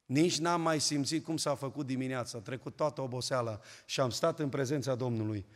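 A man preaching a fervent sermon as a pastor, swinging between loud and hushed passages. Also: mid-range voice, long reverb tail. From Romania.

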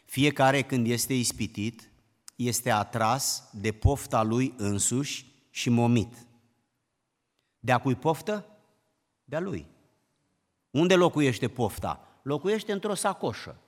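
A man preaching a sermon, emphatic, climbing to loud exclamations and then dropping low. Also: lively intonation, long pauses. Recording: long hall reverb.

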